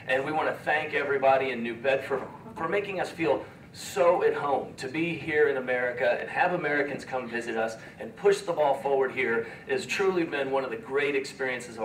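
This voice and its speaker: A man leading an expedition gives an earnest, halting, emotional speech to schoolchildren, recorded from far off in a large room. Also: mid-range voice, a little hiss or hum. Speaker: expedition leader. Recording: echoey room from far off, faint ambience.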